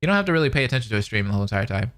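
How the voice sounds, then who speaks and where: Very animated and very fast, the American streamer talks in a medium-pitched, fairly bright voice over soft background music. A reaction commentator, he reads out viewer comments and chats with them casually, using laid-back slang.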